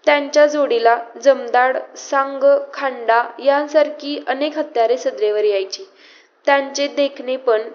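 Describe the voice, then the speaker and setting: A woman with a high voice reads a historical novel aloud as an audiobook narrator. Her delivery is steady and measured. The audio is a little dull and lo-fi. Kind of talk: scripted narration. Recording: slightly muffled lo-fi audiobook audio.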